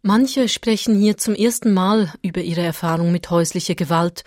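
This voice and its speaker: Woman reporter, scripted radio feature, low voice, dry close recording. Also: moderate pace, a little mellow, dry recording. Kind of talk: scripted news narration.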